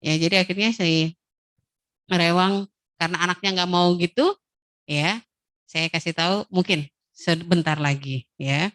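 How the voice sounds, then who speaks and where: A woman giving a casual, gentle parenting talk to mothers in a webinar, slipping into voices for children and mothers. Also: lowish voice, steady tone, unhurried, pauses often, no room sound. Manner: acts out child and mother voices in quoted dialogues.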